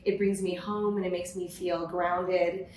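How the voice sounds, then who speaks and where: A California entrepreneur appears as a podcast guest, telling lively stories in a casual interview peppered with "you know." Her voice is fairly low and measured, the room reverberant, with slight background hiss.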